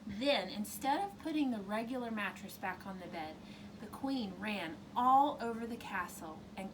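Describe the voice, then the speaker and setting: Animated, high-voiced woman kids show host. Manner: addresses children directly, dramatic emphasis. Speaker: children's storyteller. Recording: distant mic, clearly noisy room.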